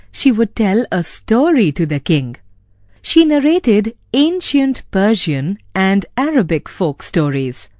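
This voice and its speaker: A woman with an Indian English accent narrating a story for children, clear, expressive and deliberate. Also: mid-range voice, no room sound, studio quality. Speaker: storyteller for a children's learning channel.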